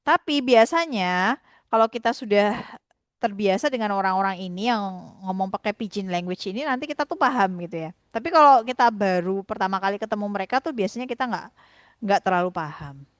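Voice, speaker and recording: A woman's voice: medium pitch, animated, no echo. A young woman casually explaining a university lesson, chatty, with lots of tag fillers. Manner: chatty, frequent tag fillers, slowly acts out example phrases. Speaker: university student presenter.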